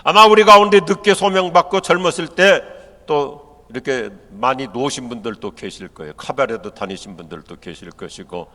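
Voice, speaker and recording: A man's voice: medium pitch, normal speed. An older man with a Chungcheong Korean accent, preaching a humorous sermon to pastors and telling jokes. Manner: joking storyteller, acts out dialect and quotes in lively voices. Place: large church hall. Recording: long hall reverb.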